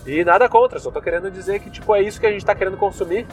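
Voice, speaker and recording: Racing along in a high-sitting voice, this young podcast host from southern Brazil talks in Gaúcho-accented Brazilian Portuguese, delivering a casual rambling monologue from inside a car. His talk is loose and slangy, packed with fillers, and faint music sits behind him.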